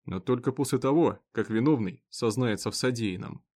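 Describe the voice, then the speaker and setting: Storybook captive, voiced by a man: predatory, mocking, unhurried drawl. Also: mid-range voice, a little mellow, lightly acted. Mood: taunting. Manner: sly, drawling, taunting. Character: mocking, predatory male prisoner.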